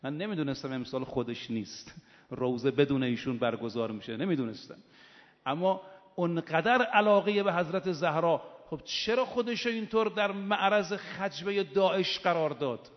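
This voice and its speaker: A man delivering an impassioned religious sermon, rising to emphatic peaks. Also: on the high side. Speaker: preacher. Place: hall of a religious gathering. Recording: dull sound in a reverberant hall.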